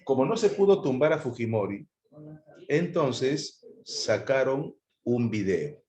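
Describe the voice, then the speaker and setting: A man's voice: mid-range voice, sing-song, takes it slowly, darkish tone, a little hiss or hum. A man teaching a live history class, talking conversationally and asking students rhetorical questions. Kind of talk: live online class lecture. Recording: echoey room.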